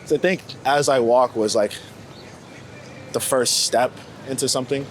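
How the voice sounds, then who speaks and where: In a casual, reflective interview on New York City streets, a young street photographer from Florida, United States, speaks candidly and with plenty of slang. His medium-pitched voice is steady and moderately paced, set against outdoor street noise, passing vehicles and traffic ambience.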